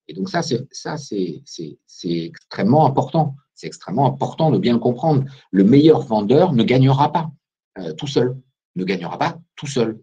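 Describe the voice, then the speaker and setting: A man's voice: on the low side, breathy edge. A man presenting a business webinar as a recruiter, talking animatedly and putting questions straight to his listeners over a video call microphone. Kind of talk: lively business webinar talk.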